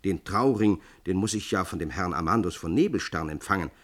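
A man's voice: deep voice, expressive, brisk, fairly bright tone. A man voicing a prim young noblewoman. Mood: dismissive.

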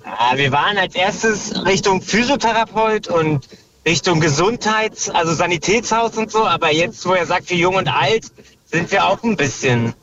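A man's voice: high voice, animated, moderate pace, a crowd in the background. Joking guy calling from a car, friends talking behind, muffled line. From Berlin. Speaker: caller. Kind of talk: call-in guessing game.

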